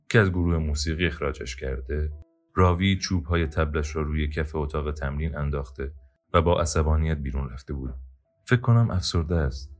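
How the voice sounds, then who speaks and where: A man reading an audiobook in a steady, measured narration. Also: a bass voice. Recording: faint background music.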